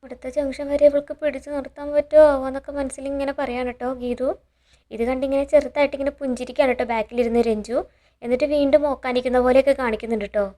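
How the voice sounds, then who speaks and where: A woman's voice: high-pitched, flat delivery, very fast, mellow. A woman retelling a TV serial episode in a chatty, casual way, often adding a tag word for the listener. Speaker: serial recap narrator.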